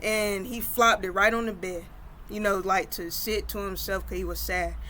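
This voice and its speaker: A woman's voice: mid-range voice, steady tone, normal speed, pushed and bright, slight background noise. Woman rambling through a casual story. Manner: rambling, with many fillers.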